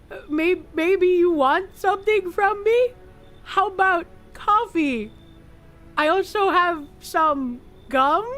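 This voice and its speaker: A woman's voice: extremely high pitch, a bit bright, heavily acted. A woman voicing an anxious, dim young man who has been left alone, talking in a frightened, pleading ramble.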